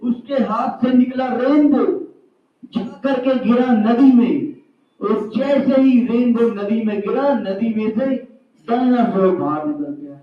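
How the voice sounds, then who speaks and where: A man with a strikingly high voice leads a lesson for schoolchildren, telling a story and firing questions at the class. He sounds distant from the mic, and his voice rings through a very echoey school hall on a dull, muffled recording. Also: slow. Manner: lively, calls out questions to a class. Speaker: school speaker teaching children.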